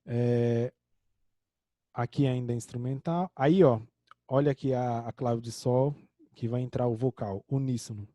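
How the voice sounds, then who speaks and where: A man's voice: medium pitch, fairly even intonation, measured pace, mellow, no echo. A man with a Brazilian Portuguese accent teaching an online music theory lesson, explaining a score step by step and singing short examples.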